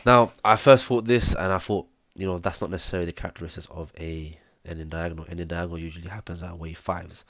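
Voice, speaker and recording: A man with a hoarse, chesty voice, talking step by step through a chart analysis on a close mic, counting out waves with many ums. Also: low-pitched, fairly even intonation, fast, few pauses, a bit bright, dry recording, lo-fi sound. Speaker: trading analyst. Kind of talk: screen-share chart analysis. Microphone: close mic, audible breathing.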